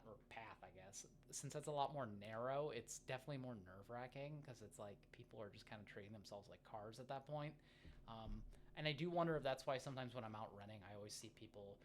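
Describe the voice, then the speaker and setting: A man with an American accent and a fairly low voice talks casually in a vlog. He speaks haltingly, with self-deprecating asides and digressions, over faint ambient noise. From United States. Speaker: running vlogger. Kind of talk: casual, rambling vlog chat.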